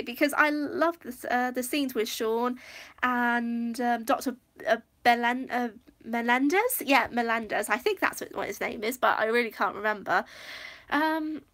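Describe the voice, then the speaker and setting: A high-pitched woman from Wales chatting through a livestream show review. She rambles, loses her thread, and fills the gaps with ums and restarts as she goes. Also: lively intonation, normal speed, bright, forceful tone. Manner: rambling, distracted, many fillers and restarts. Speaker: livestream host. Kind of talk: casual live review chat.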